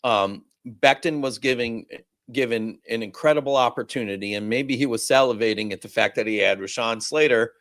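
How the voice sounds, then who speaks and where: A man's voice: medium pitch, fairly quick, no room sound. Male sports podcast host, casual and fired-up, swears freely, dry close sound. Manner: animated, profane, rambling.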